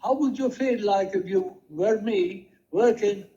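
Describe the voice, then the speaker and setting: An older man recounting his working life in a rambling, halting way, with many restarts and quoted dialogue. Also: high voice, dark tone. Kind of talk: rambling personal storytelling. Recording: dull lo-fi home recording.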